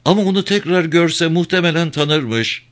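A man voicing a young male police colleague who reports briskly, in an audiobook reading. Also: a little high, voice pushed up, natural voice. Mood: reporting.

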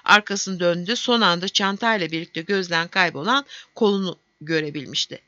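A woman narrating a fantasy audiobook in a steady storytelling manner. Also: lowish voice, normal speed, no room sound, dull audio.

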